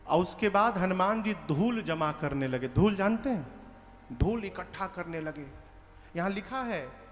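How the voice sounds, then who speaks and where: In a reverberant hall with music faintly audible, a male religious storyteller dramatizes a devotional epic and takes on the characters' voices. His tone is fairly bright and his pitch sits high.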